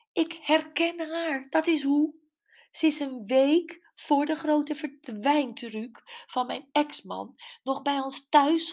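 A woman voicing an upset, bitter woman who rages about her ex-husband in a shrill, agitated voice.

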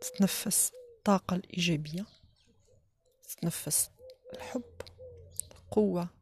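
A woman with an Algerian accent leads a guided relaxation in a soft, often whispered voice, giving short instructions with pauses between them. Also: fairly low pitch, slight background noise. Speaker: guided meditation leader.

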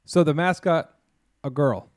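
A man's voice: a little high, a little slow, a little mellow, no echo, clean studio sound. A man in his thirties or forties hosting a casual chat, rambling through stories with lots of fillers, restarts and sarcastic asides. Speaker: podcast host, mascot performer.

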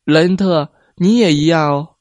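A brisk, no-nonsense mother, voiced by a man gives firm instructions at raised volume. It is part of a children's storybook reading with a dry, close sound. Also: a little high, darkish tone, no echo, pitched above the performer's own voice, lightly acted. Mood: scolding.

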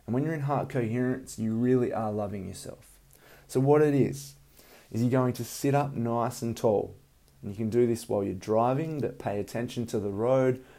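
Mellow, lightly gravelly man giving motivational guidance. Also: medium pitch. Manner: earnest, emphatic repetition, unhurried guiding. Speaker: motivational speaker and meditation guide. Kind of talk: motivational talk with guided breathing meditation.

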